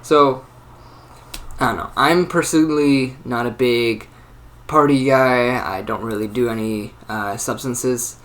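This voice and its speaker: A man's voice: medium pitch, steady tone, measured pace, a bit bright. Rambling young man thinking aloud. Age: 20s. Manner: rambling and thoughtful, many fillers and restarts. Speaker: channel host. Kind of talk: casual solo monologue.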